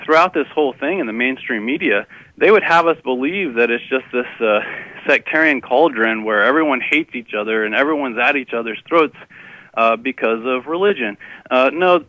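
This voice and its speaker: A man's voice: mid-range voice, normal speed, no echo. A man from Texas, a guest on a radio interview, who talks in a hesitant way, full of ums and uhs. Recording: dull lo-fi radio audio.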